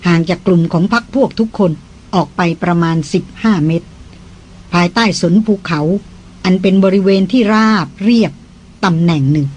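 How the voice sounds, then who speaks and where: An audiobook narrator giving a steady, measured scripted reading of a novel. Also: medium pitch, a little hiss or hum, rough recording.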